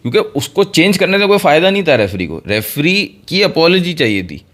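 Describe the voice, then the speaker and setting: A man, co-hosting a casual cricket chat and explaining his views in a measured way. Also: a little high, big pitch swings, a bit bright. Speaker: co-host.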